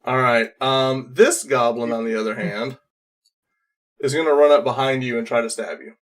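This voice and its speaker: A man's voice: mid-range voice, steady tone, moderate pace. Casual male game master, mid-range voice. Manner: casual, playful narration. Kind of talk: narrating a tabletop role-playing game.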